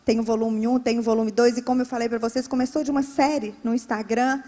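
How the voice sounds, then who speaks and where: A woman's voice: fairly high pitch, steady tone, fast, warm tone, big-room sound. A woman pastor with a Brazilian Portuguese accent, preaching a sermon with emphatic, repetitive phrasing. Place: church.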